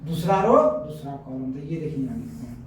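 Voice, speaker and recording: A man's voice: medium pitch, expressive, fairly quick. A man teaching a math lesson at a board. He keeps asking questions, answers them himself and corrects himself often. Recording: very echoey room, mic far off, faint noise.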